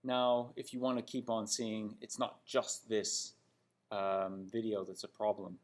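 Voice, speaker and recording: A fairly low-pitched man from Toronto gives a spoken English lesson with a Canadian accent, critiquing example sentences. His delivery is flat and a little slow, yet his manner is emphatic and didactic, with many check-in questions.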